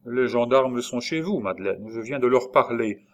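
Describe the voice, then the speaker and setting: A man reading a storybook voices a weary wandering peddler who speaks softly and with resignation. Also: mid-range voice, moderate pace, lightly acted. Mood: resigned. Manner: soft, resigned and hushed.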